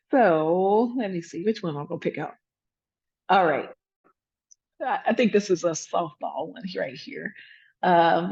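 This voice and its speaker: Woman presenter, easygoing and chatty, gravelly voice, dull call audio. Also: on the low side, darkish tone. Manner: chatty, lots of fillers and restarts. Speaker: workshop presenter, emergency physician. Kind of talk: laid-back workshop talk.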